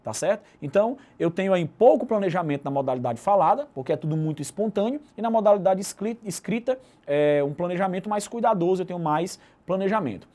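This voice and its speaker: Mellow Brazilian man teaching. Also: high-pitched, animated, quick pace, hardly any pauses. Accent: Brazilian Portuguese. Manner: explanatory, ends phrases with tag questions. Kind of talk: recorded video lecture.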